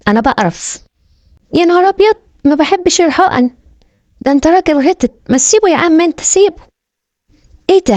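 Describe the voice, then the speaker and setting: A woman's voice: sits high, a little mellow, no room sound. A woman with an Egyptian accent doing comic voice-overs for animal clips in playful, bantering colloquial speech. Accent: Egyptian Arabic. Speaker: comic voice-over dubber.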